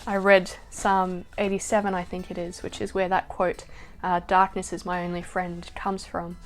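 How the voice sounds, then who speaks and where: A woman reading poems aloud slowly and softly, her voice trailing off at the ends of lines. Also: on the low side, level tone. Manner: slow, soft reading that trails off at line ends. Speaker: poetry reader. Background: soft acoustic guitar music.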